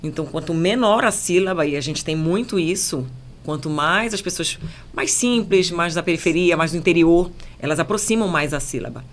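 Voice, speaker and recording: A woman journalist with a Paraense Brazilian accent, speaking as a podcast guest in a measured, emphatic, explanatory way. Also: lowish voice. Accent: Paraense Brazilian Portuguese. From Belém, Pará, Brazil. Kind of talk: podcast conversation.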